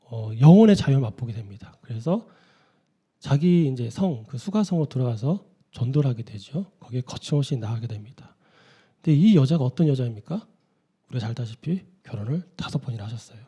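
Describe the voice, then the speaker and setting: A man's voice: a little high, warm tone, breathy edge, lo-fi sound. A man preaching an early-morning sermon in a conversational way, often putting rhetorical questions to his listeners. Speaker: pastor.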